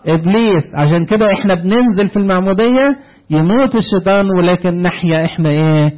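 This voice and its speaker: A man's voice: high voice, fast talker. A man preaching a sermon in an Egyptian Arabic accent, retelling dialogue and asking the congregation fill-in questions. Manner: asks the congregation fill-in questions ending in "what?"; animated storytelling, retelling dialogue. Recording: narrow tinny phone-like sound.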